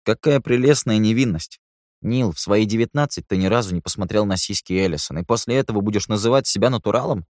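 A man's voice: lowish voice, fast talker, a little mellow, dry recording, studio quality, natural voice. A man doing a teasing, flamboyant young guy.

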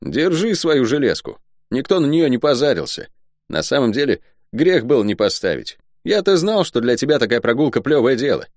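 A man voicing a boisterous, cheeky male soldier and gambler who talks in loud, excitable exclamations. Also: mid-range voice, normal speed, no room sound, studio quality, voice pushed up. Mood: chatty.

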